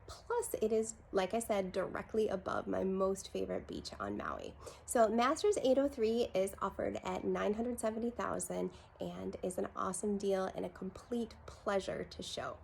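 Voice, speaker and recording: A woman with a creaky voice giving an enthusiastic home tour as a gushing real estate agent, full of superlatives. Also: medium pitch, expressive, moderate pace, darkish tone, a little hiss or hum. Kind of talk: enthusiastic property tour presentation.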